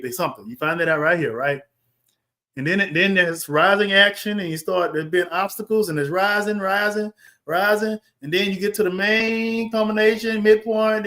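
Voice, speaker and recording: A man hosting a live stream, giving an animated, exasperated film review, talking in bursts with many restarts. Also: on the high side. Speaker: livestream host reviewing a film. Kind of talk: casual live reaction commentary.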